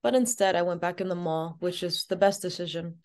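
A woman's voice: on the low side, brisk, darkish tone. A woman as an interview guest, telling a personal story in a casual, chatty way with many "like" fillers.

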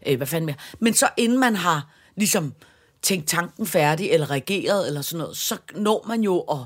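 A woman with a lowish voice thinks aloud, hesitant and reflective, pausing on fillers and often agreeing with her partner. Her voice sits below the usual pitch for a woman. The setting is a relaxed podcast chat. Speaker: podcast co-host. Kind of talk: casual chat.

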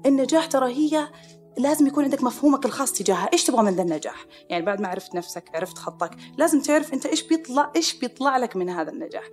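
A woman with a Saudi Arabic accent delivers a podcast monologue at a very fast clip, in a fairly high voice. She talks in an animated way and acts out the people she quotes. Faint music plays under her. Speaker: podcast host, psychiatrist. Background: soft music.

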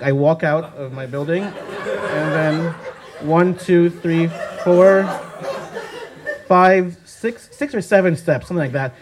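A young man telling a funny personal story, animated and laughing often, jumping into high voices for the people he quotes. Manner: animated, acts out voices of others with big pitch jumps; frequent laughter while talking.

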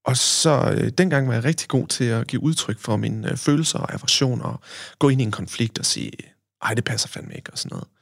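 A man's voice: medium pitch, gravelly, dry recording, clean studio sound. A man from Denmark, a podcast guest, telling a long story in casual chat, rambling with many fillers and tag questions.

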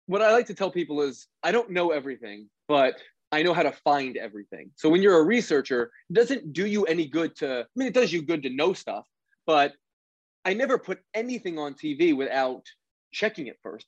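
A man's voice: on the high side, no room sound. A man from Philadelphia, a sports researcher and guest, explaining things earnestly in casual interview chat and correcting himself often. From Philadelphia, USA. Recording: dry, dull lo-fi audio.

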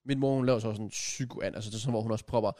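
A man's voice: fairly low pitch, steady tone, dark tone. A young man co-hosting a podcast, talking in teasing, casual banter with some swearing. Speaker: podcast co-host. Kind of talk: casual chat.

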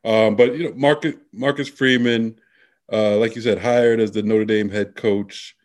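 A man's voice: fairly low pitch, fairly even intonation, a little slow. A man co-hosting a casual sports chat, rambling along with lots of fillers and restarts. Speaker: sports talk co-host.

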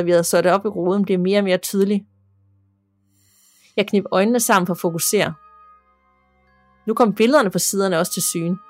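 A woman narrates a listener's spooky story for a podcast, steady and measured. Her voice sits at a middle pitch, recorded close and dry, with faint music beneath. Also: dry recording. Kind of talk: scripted narration of a ghost story.

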